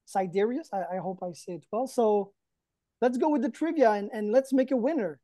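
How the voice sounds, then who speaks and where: A co-host of an online event, this man in his thirties or forties keeps up casual, playful, mock-serious banter. He speaks briskly in a high, dark-toned voice, and the recording is dry. He's on a video call indoors against a green backdrop.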